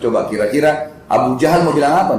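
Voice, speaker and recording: A man's voice: fairly high pitch, animated, fast talker, noisy background. Brief: male preacher, vivid sermon storyteller, echoey mosque. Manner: vivid storyteller who acts out quotes. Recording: echoey mosque hall with faint ambience.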